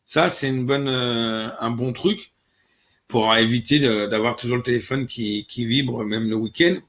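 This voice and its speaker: A man's voice: medium pitch, steady tone, unhurried, fairly bright tone. A man hosting an online tutorial channel, speaking casually and directly to the viewer, with frequent hesitations and restarts as he walks through a website. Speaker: channel host. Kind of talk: casual screen-recorded tutorial.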